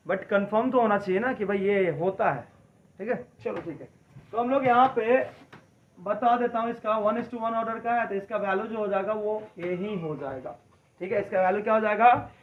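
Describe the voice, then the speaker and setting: A man's voice: high voice, slight background noise. A man teaching a math lesson, repeating key phrases and often asking if listeners follow. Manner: repetitive, checks in with listeners often. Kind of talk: classroom-style video lesson. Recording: echoey room, dull lo-fi audio.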